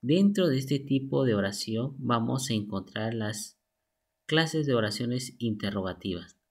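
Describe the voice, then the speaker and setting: Slow, methodical male teacher. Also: medium pitch, animated. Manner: slow, methodical, reads out examples. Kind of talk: slide lesson on sentence types.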